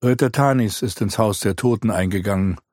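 Man reading as a solemn sorrowful woman, soft, deep voice, dry. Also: fairly quick, dry recording, natural voice. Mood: sad. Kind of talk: audiobook character reading.

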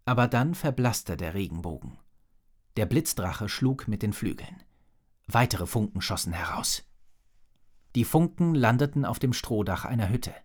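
Expressive male storybook narrator. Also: lowish voice, moderate pace. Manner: expressive reading.

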